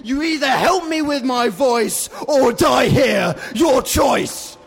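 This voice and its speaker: A man voicing a tyrannical, imperious female red duck who shouts threats. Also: very high-pitched, lively intonation, slow pace, gravelly, breathy edge, faint music behind, pitched above the performer's own voice, heavily acted. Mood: furious.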